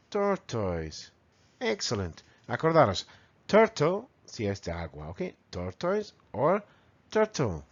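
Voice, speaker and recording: A man with a Spanish accent from Spain teaching English vocabulary to children, repeating words slowly and mimicking animal sounds. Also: medium pitch, highs cut off. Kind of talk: bilingual vocabulary lesson.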